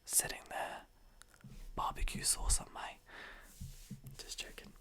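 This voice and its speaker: A man in a whispered role-play as a best friend, confiding gossip in a breathy, mostly unvoiced whisper. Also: slow pace, bright, forceful tone. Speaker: ASMR performer playing a gossiping best friend.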